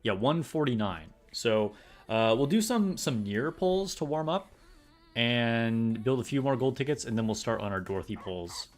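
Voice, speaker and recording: A man's voice: mid-range voice, expressive, moderate pace. A man streaming a game, chatting casually with viewers in a laid-back, rambling way full of fillers. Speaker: gaming streamer. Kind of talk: casual live-stream chat.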